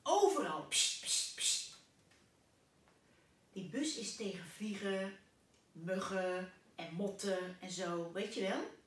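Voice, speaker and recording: A woman's voice: medium pitch, slow pace, a little hiss or hum, natural voice. A woman voicing a fussy little old man in a storybook, fretting and emphatic. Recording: echoey room, distant mic.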